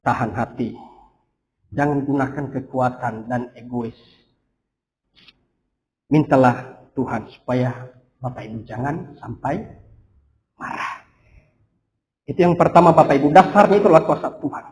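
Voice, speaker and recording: A man preaching a sermon as pastor, lively, asking the congregation rhetorical questions. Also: medium pitch, normal speed, long pauses, a little hiss or hum, poor audio. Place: church hall.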